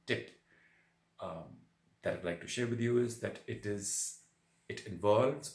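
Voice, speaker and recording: A man giving a spoken yoga breathing lesson, explaining in a halting, deliberate way with repeated words. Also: lowish voice, gravelly. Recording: roomy echo on the voice.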